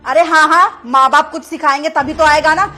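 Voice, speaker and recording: A woman plays a bossy fifty-year-old mother-in-law in a home drama, scolding loud and sharp-tongued. Her voice is very high and bright, with faint music underneath. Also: fairly quick. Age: 50s. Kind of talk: family drama acting.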